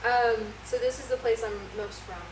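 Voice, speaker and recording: A woman's voice: on the high side, steady tone, normal speed. Easygoing young woman, echoey distant mic. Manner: easygoing, self-deprecating, chatty. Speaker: podcast co-host. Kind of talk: casual chat. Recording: echoey room, distant mic, clear background noise.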